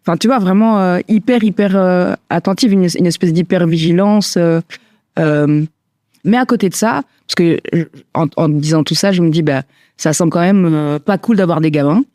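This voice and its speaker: A woman's voice: on the low side, moderate pace, dark tone, no echo. Woman, 40s, thoughtful guest, hesitant and rambling, dead-dry close sound. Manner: hesitant, many fillers and restarts. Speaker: guest, stylist and entrepreneur. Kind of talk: reflective casual conversation.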